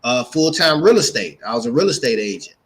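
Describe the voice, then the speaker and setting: A 49-year-old entrepreneur and speaker from Gary, Indiana, with an American accent, tells his story casually as an interview guest, repeating phrases for emphasis. His mid-range voice is sing-song, fairly quick, and fairly bright.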